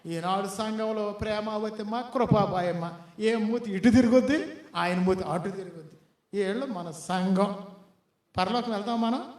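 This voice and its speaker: A man's voice: sits high, unhurried, a little mellow. A male pastor preaching a sermon in a church hall, firing rhetorical questions at the congregation.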